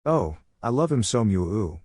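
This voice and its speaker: A man voicing a young, lovestruck pirate empress in a fan-fiction audio story, speaking softly and adoringly. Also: on the low side, very animated, a little slow, slightly rough, dry recording, clean studio sound, exaggerated voice.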